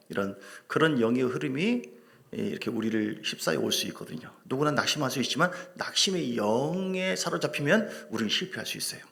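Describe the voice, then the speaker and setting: A middle-aged man preaching a sermon as a pastor in a church, lively and joking with his congregation. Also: mid-range voice, vocal fry. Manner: animated preaching with humor, asides to the congregation. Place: church sanctuary.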